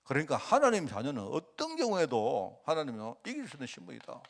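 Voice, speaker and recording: A man's voice: fairly high pitch, huge pitch swings, fast, creaky. A male pastor preaching a conversational sermon in a church, often asking the congregation rhetorical questions.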